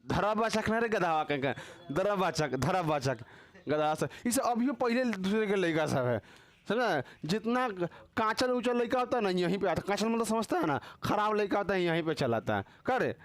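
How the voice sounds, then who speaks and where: A man's voice: high voice, big pitch swings, a little fast. A man teaching a casual grammar class, teasing and quizzing his students with constant tag questions.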